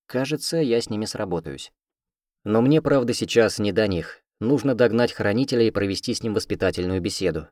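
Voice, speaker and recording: Lower-voiced man reading an audiobook. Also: a little mellow, no echo, clean studio sound. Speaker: audiobook reader. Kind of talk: first-person fantasy audiobook narration.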